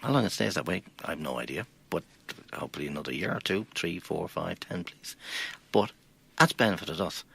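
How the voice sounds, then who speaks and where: A man's voice: deep voice, lively intonation, fairly quick, vocal fry, fairly bright tone, husky. An Irish man, a financial planner guest, arguing his points emphatically with rhetorical questions in a studio interview.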